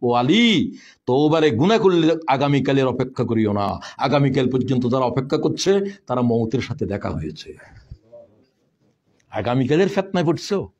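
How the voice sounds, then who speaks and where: A man preaching a fiery sermon. He swings from shouted rebukes to low, solemn asides and keeps questioning his audience. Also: expressive, moderate pace, muffled recording. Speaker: Islamic preacher.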